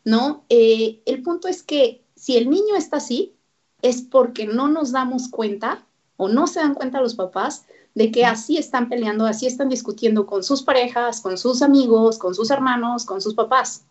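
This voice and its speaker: A high-voiced woman, speaking as a therapist guest on a radio show. She talks animatedly and acts out the voices of parents and children. The radio audio sounds dull and lo-fi. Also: normal speed, darkish tone. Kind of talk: radio interview.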